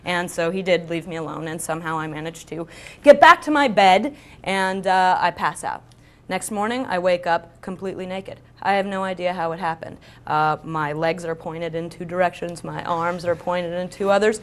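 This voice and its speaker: Woman in her twenties, lowish voice, lively self-mocking storyteller. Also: normal speed. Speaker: celebrity guest. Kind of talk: comic storytelling.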